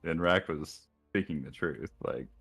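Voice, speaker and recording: A man's voice: rumbling low, a little slow, gravelly, fairly bright tone, slightly rough, soft background music. A man playing a tabletop game, talking playfully and laughing through his lines. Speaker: player. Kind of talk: casual tabletop game chat.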